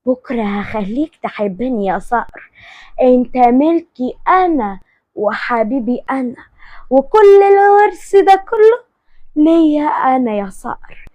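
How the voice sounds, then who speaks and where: Woman doing a plotting young cousin, Egyptian accent, drawn-out, high, dry. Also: expressive, warm tone, dry recording, lo-fi sound. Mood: scheming. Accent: Egyptian Arabic. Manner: slow, possessive, plotting. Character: scheming young female cousin.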